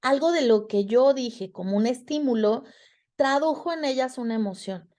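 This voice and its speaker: A woman's voice: high voice, moderate pace, dark tone. A woman with a Mexican Spanish accent giving a reflective talk to students about emotions, speaking expressively and acting out quoted dialogue.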